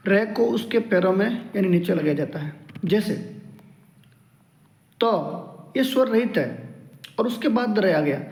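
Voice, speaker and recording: A man with a fairly high voice gives a grammar lesson and walks through every rule patiently, saying it again in new words. His voice rings in a room with a long echo. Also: darkish tone. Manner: explains step by step, repeats each rule several times. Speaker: Hindi grammar teacher. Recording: echoey room with long reverb.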